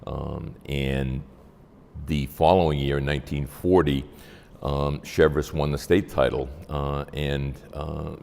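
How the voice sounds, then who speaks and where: An older man, reminiscing in a halting, measured way with frequent pauses. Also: a bass voice, steady tone, creaky, darkish tone. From Massachusetts, United States. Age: 70s or older. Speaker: interviewee. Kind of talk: oral history reminiscence. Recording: long hall-like reverb.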